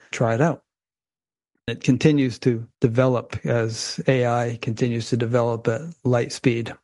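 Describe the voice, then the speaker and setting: A man hosting a conversational interview over a video call, relaxed and measured with a dry sense of humor. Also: medium pitch. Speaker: podcast host.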